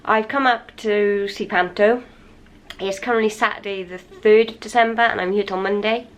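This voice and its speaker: A woman talks casually into a handheld camera from a hotel room, in a middle-pitched voice. A cold has left her slightly raspy and wheezy, and she sounds a bit out of breath. She rambles in a chatty, tired way. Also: steady tone, normal speed. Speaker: vlogger. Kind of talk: casual vlog chat to camera.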